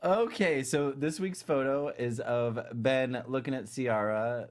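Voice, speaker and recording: A man's voice: medium pitch, slow pace. A man co-hosting a podcast, easygoing, chatting and reading listener notes aloud. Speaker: podcast co-host.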